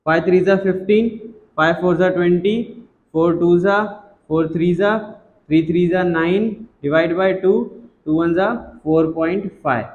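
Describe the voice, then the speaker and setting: A young male math teacher, slightly higher voice than most men. He talks through a lesson in a chatty, teasing, reassuring way. The sound is dull and lo-fi, in an echoey room. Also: steady tone, normal speed, slight background noise. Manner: chatty, teasing, reassuring, works sums aloud. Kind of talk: casual whiteboard math lesson.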